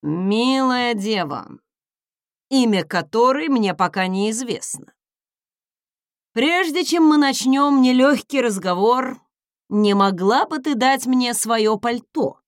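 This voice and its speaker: A woman's voice: a little high, animated, slow pace, dry recording, clean studio sound. A woman voicing a flustered male dragon ambassador in an audiobook, anxious and pleading. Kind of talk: audiobook character voice.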